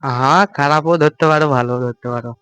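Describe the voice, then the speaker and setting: A young man who makes videos places a casual prank phone call, teasing, evasive, and repeating himself. He talks fast in a medium-pitched, steady voice, with loud music playing behind him.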